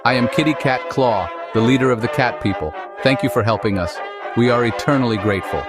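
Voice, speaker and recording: A man's voice: mid-range voice, a little fast, close to an everyday voice. A man voicing a fabulous female cat leader who speaks in a formal, gracious, purring way. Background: music.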